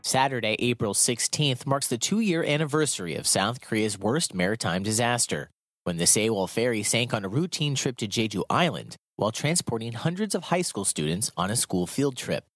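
A man reporting a radio news feature, reading a script in a measured, formal way. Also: medium pitch, lively intonation, fairly bright tone, no echo, clean studio sound.

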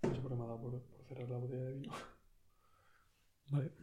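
A man's voice: mid-range voice, little pitch movement, fast, heavy background noise. A man with a Spain Spanish accent, telling a story in a casual, rambling podcast monologue full of slang and fillers. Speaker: podcast host.

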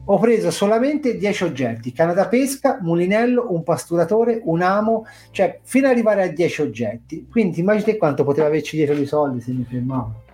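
A middle-aged man chats as the host of a casual live stream. His delivery is lively and jokey, with swings in pitch and some swearing. Faint music plays behind him. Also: a little fast, few pauses, slightly rough. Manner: jokey, self-mocking, profane.

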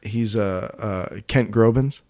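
A man's voice: fairly low pitch, takes it slowly, darkish tone, a little hiss or hum. A man co-hosting a podcast in casual comedic chat, joking and laughing often, with frequent restarts. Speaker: podcast co-host.

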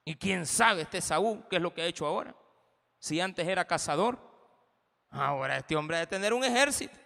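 Preaching in a large hall, a pastor with a Salvadoran accent speaks straight to his congregation with passion. His voice is high and expressive, at normal speed, with vocal fry and a pushed, bright quality.

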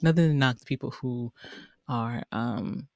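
A man talking casually and earnestly, thinking out loud with lots of fillers and restarts. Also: medium pitch, measured pace, no echo, clean studio sound. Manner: rambling, filler-heavy, many likes and restarts. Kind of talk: casual reflective monologue.

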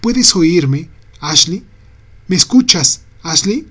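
A gentle young mother hushing her crying infant, her voice soft and a touch high, with a husky grain, as a male narrator reads her. She sounds tender and a little anxious in this storybook moment. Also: animated, a little slow. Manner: soft, soothing.

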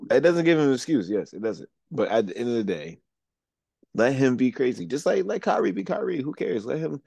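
A man's voice: medium pitch, big pitch swings, brisk, vocal fry, darkish tone, breathy edge, no room sound. A man co-hosting a casual podcast, talking bluntly and with a lot of swearing, and often taking the devil's advocate side. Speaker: podcast co-host. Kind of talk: casual chat.

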